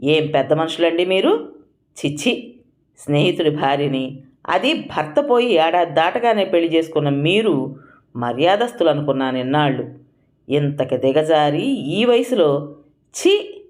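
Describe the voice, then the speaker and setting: A woman reading an audio story, voicing an angry young adult son who shouts his scorn at his mother. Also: deep voice, big pitch swings, unhurried, pauses often. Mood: furious. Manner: shouting, contemptuous.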